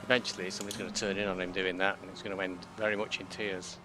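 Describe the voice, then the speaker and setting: A man's voice: sits low, little pitch movement, very fast. A man giving casual running commentary on his own sim race as he drives. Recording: car engine noise behind.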